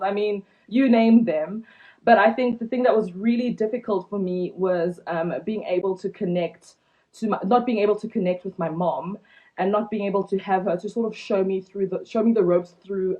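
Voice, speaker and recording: A woman's voice: medium pitch, darkish tone. Chatty woman on a lo-fi livestream. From South Africa. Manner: chatty, many ums and restarts. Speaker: blog founder hosting an Instagram live launch. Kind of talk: casual live-stream talk.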